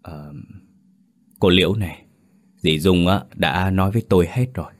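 A man's voice: deep voice, moderate pace, close to an everyday voice. A man playing a shy, burly village pig butcher who stammers through his words with many hesitations. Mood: gruff serious.

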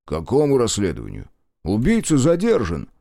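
A man reading as a blustering partisan commander, defensive and quick to snap, his voice pitched noticeably higher than the deep narration and rising sharply when he takes offense. The delivery is dry and close, with no room around it. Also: wildly swooping pitch, creaky, warm tone, dry recording. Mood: snapping. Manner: defensive, snapping, indignant.

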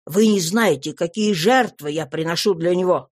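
A woman voicing an absent-minded, sulky rich middle-aged businessman in a low, slow mumble in a storybook reading. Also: a little mellow, no echo, clean studio sound, natural voice. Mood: indignant.

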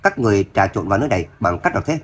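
A man's voice: very animated, rapid-fire. A man voicing a spiteful rich young woman who mocks and sneers in an audiobook. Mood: mocking. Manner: sneering, shrill when angry.

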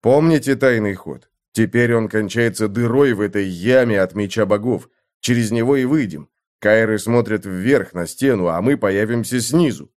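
A man voicing a steady young soldier in an audiobook, speaking firmly and earnestly. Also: lowish voice, moderate pace, hardly any pauses, lightly acted. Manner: firm, earnest. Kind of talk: audiobook character voice.

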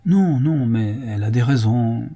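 A sheepish gentleman suspect, as a male audiobook reader plays him, evasive and forcing jokes. The voice is mellow and husky. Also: medium pitch, animated, a little slow, soft background music. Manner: evasive, forced joking. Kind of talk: audiobook reading.

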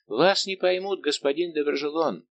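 A man's voice: on the high side, normal speed, no room sound, voice pushed up, lightly acted. A male reader voicing a young lady-in-waiting who teases and asks mocking, pointed questions, in an audiobook. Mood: teasing. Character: young female lady-in-waiting, teasing and sharp.

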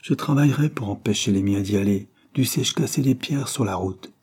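A man's voice: on the low side, normal speed, darkish tone, slightly rough. A man reading an audiobook, voicing a stubborn, emphatic unemployed working man. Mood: determined. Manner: emphatic, determined.

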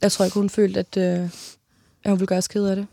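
A woman in her twenties telling a personal story in an interview, halting, with many restarts and pauses. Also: mid-range voice, completely flat delivery, creaky, warm tone, no room sound, clean studio sound.

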